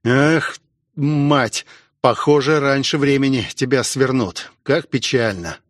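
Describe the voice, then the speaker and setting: A man voicing a gruff, wry veteran male station commander in an audiobook, talking in an unhurried way. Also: medium pitch, no room sound, clean studio sound, close to an everyday voice. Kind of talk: audiobook character voice.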